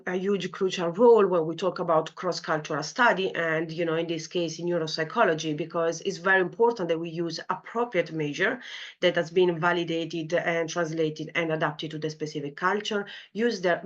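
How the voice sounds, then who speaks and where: A senior lecturer in clinical psychology from Italy gives a conference talk with slides, speaking with an Italian accent and leaning on many "you know, like" fillers. Her voice sits on the low side, and the recording is muffled.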